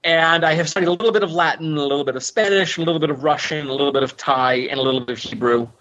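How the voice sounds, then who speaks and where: A man with a fairly high, somewhat bright voice races through a casual interview about his work as an author and conlanger. He is thoughtful but often restarts and uses fillers, and the podcast sound is muffled and dull.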